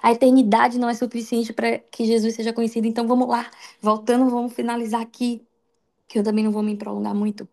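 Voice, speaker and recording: A Brazilian woman preaching an emotional, testimonial sermon in a live stream, swinging between loud cries and hushed lines. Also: a little high, level tone, fast talker, creaky. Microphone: livestream.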